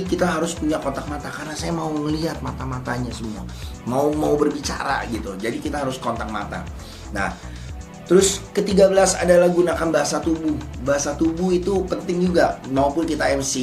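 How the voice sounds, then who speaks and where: A man's voice: mid-range voice, roomy sound. A man, an MC, giving slangy, casual public speaking tips. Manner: loose slangy teaching, bursts into loud showy MC announcer demos. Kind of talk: casual instructional talk.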